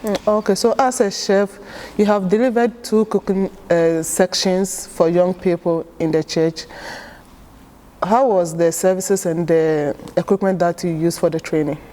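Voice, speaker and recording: A woman volunteer conducts an oral history interview in a lowish, mellow voice. She reads out prepared questions and answers with short backchannel sounds like "okay." Faint background noise runs under the recording. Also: fairly even intonation, a little slow.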